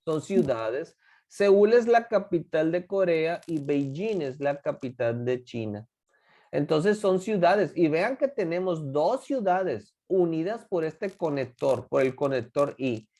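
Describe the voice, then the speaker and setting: Teaching a class in both Spanish and English, this lively English teacher speaks in a mellow voice of medium pitch. The manner is to drill vocabulary slowly and put questions to the students.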